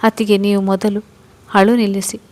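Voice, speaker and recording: A woman narrator voicing a concerned young man who gently but firmly questions his sister-in-law. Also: mid-range voice, flat delivery, moderate pace, lightly acted. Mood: pleading. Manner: soothing, insistent questioning.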